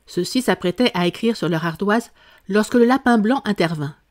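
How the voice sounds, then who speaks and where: A woman narrating a classic children's story as an audiobook, in a measured and expressive way. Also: mid-range voice. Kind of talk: scripted narration.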